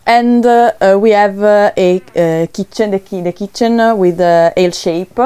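Young woman, warm and smooth, halting English, boat tour guide in a cabin. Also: medium pitch. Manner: halting, searching for English words. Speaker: boatyard representative. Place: inside a sailboat cabin.

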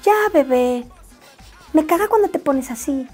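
A man with a Mexican accent imitating a shrill, volatile young woman. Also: animated, unhurried, warm tone, faint music behind. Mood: cloying. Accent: Mexican Spanish. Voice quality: shrill, whiny.

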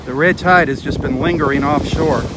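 Crashing waves and wind come through on the mic as a man hosts a live walking video along a windy beach by the surf. His fairly high voice moves at normal speed, and he sounds earnest and dismayed.

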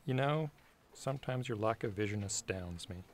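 A man's voice: lowish voice, lively intonation, normal speed, a little hiss or hum. A man voicing an earnest, insistent 1960s office-worker puppet in a comedic parody.

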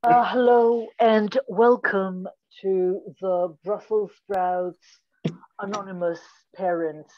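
A woman acts an earnest cabbage mother leading a support meeting. She speaks slowly at a middle pitch, over slightly dull video-call audio, in puppet improv. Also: fairly even intonation, lightly acted.

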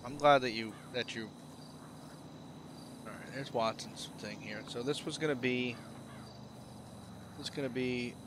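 A man's voice: mid-range voice, noisy background, natural voice. A man playing a friendly, folksy country tow-truck driver with a drawling way of talking, in a game role-play.

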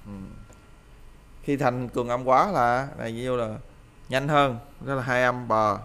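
A man's voice: mid-range voice, steady tone, unhurried, a bit bright. A man teaching a pronunciation lesson, explaining each point and repeating example words for the listener to drill, with frequent hesitant fillers.

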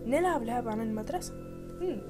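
A woman's voice: a little high, expressive, fairly quick. A woman with an Egyptian Arabic accent doing let's play commentary on a horror game, jumpy and panicky, shrieking and giggling when startled. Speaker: gamer playing a horror game. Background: game music.

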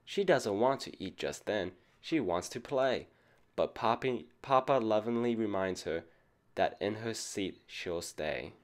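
In a lowish, animated voice and at a measured pace, a man reads a children's picture book aloud. He speaks to the young audience like a teacher, asking them questions along the way.

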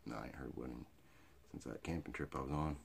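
A middle-aged American man with a hick drawl and a gravelly, raspy voice, rambling through off-the-cuff comedy to camera in a crude, rowdy redneck manner. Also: a bass voice, fast talker, slight background noise. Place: small cluttered indoor storage room or workshop. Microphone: phone or webcam at arm's length.

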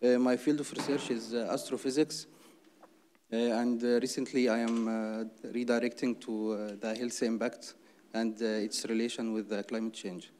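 A man from Egypt introduces himself at a workshop, pausing often in a halting way. His voice is mid-pitched and mellow, with faint noise and clicks behind it. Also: little pitch movement. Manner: hesitant, halting. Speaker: assistant professor.

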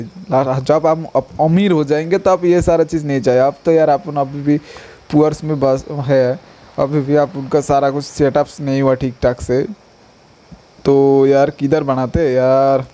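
A young man giving casual, rambling gameplay commentary as a gaming YouTuber, talking straight to his viewers and reacting loudly when attacked. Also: fairly high pitch.

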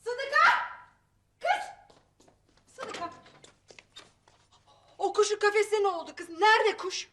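Brief: middle-aged nagging mom, high bright scolding voice. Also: female voice, lively intonation, slow, long pauses, heavily acted.

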